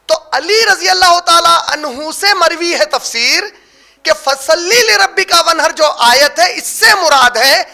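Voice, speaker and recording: A man's voice: very high voice, creaky, sharp tone. A man giving a religious lecture, explaining terms step by step and asking rhetorical questions that he then answers himself. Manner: slows down to stress key words. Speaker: Islamic preacher. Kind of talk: religious lecture on prayer rulings.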